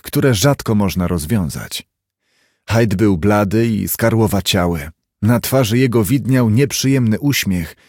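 Male narrator, lowish voice, steady measured reading, dry close recording. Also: dry recording. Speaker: audiobook narrator. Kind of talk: scripted narration.

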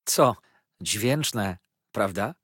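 A man's voice: fairly low pitch, lively intonation, drawn-out words, fairly bright tone, slightly rough, no echo, clean studio sound, heavily acted. A man voicing an effusive young male lawyer who gushes and fires off questions, as a storybook reader. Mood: cheerful. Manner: gushing, breathless, showers questions.

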